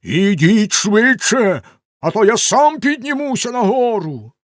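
A man voicing a cruel, menacing nobleman husband in a storybook reading, with slow, stern, threatening delivery. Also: a little high, wildly swooping pitch, dry recording, clean studio sound, voice pushed up, full character voice. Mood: shouting.

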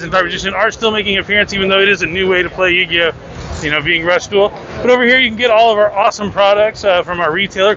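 Walking through a card game company's booth at a busy indoor convention hall, a young man with a voice that sits high leads an upbeat, promotional tour, frequently using fillers. He holds a handheld mic with a windscreen, and the recording sounds dull under loud crowd noise.

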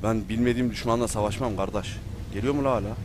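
A man commenting on his gameplay in a casual, excitable way, often yelling and joking. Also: fairly low pitch, quick pace, background noise. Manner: excitable, yells and jokes while playing.

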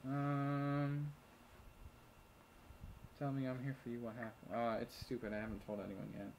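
In an unhurried, level medium-pitched voice, a man hosting a let's play reads chat-game messages aloud, mutters asides, and swears freely while casually commentating. The sound is lo-fi with a noisy background, and loud keyboard typing and clicks are audible behind him.

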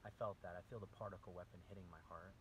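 A man in an angry monologue to camera, ranting and accusing, his voice swinging between shouting and low muttering, often swearing. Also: fairly even intonation, rapid-fire, background noise. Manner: profane, accusatory.

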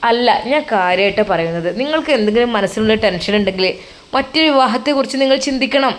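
A woman's voice: a little high, expressive, fast talker, natural voice. A woman voicing a kindly male religious teacher who comforts his friend in a coaxing, reassuring way. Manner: coaxing, reassuring, gently teasing.

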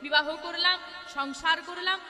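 A woman's voice: very high voice, fairly even intonation, a little slow, bright, forceful tone, big-room sound, soft background music. A woman kirtan singer telling a devotional story as a sermon, repeating words for effect and addressing listeners as mother and father.

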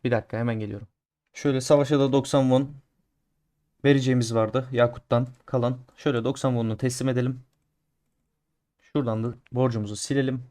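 A man streams gameplay and chats with his audience through every attempt, his mid-pitched voice casual and conversational. He complains when things go wrong and lets out loud cheers when they go right.

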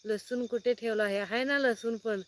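A woman farmer from Sangli district, Maharashtra, sits under a light outdoors at night, chatting on a phone live stream and reading out viewers' names to greet each one. Her voice is a little high, with fairly even intonation and normal speed. There's a slight hiss or hum.

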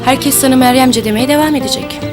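An actress playing a woman who soothes and begs someone to calm down. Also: high voice, fast talker, music in the background, lightly acted. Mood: reassuring. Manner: soothing, then desperately pleading.

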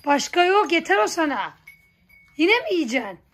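A woman vlogging in a village, coaxing and scolding her farm animals and talking softly to viewers. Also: very high voice, very animated, normal speed. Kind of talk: casual vlog talk to animals and viewers. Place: village garden and barn, outdoors. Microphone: phone camera.

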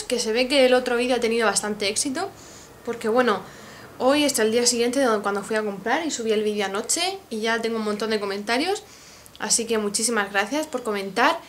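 A beauty vlogger with a Spanish accent from Spain shows off makeup in a casual haul, her voice pitched fairly high over slight background noise. Excitable and effusive, she speaks right to her audience.

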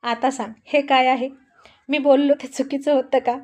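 A teasing, affectionate husband who jokes and coaxes his wife. A woman reads him in her own voice, pitched rather high with no deepening, so he sounds close to the narrator. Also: flat delivery, normal speed, natural voice. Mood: playful. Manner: playful teasing.

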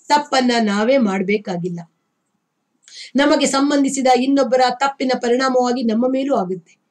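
A woman reading the part of a calm, gentle young male ascetic who gives measured, soothing advice. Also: fairly high pitch, close to an everyday voice.

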